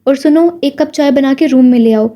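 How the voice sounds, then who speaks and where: A woman's voice: sits high, muffled recording, natural voice. A woman voicing a bad-tempered middle-aged aunt who scolds angrily. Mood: angry. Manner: angry, shouting, scolding.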